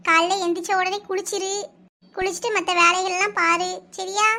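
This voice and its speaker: A woman with a Kanyakumari Tamil accent voicing village women in a cartoon, with brisk, bossy chatter. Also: extremely high pitch, little pitch movement, pushed and bright. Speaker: cartoon voice artist. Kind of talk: cartoon voice acting.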